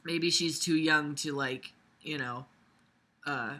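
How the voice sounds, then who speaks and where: A woman's voice: sits low, slow pace, bright, forceful tone. A young adult woman reading fiction aloud with weary, exasperated, sarcastic commentary and plenty of swearing. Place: small bedroom, lying on a bed.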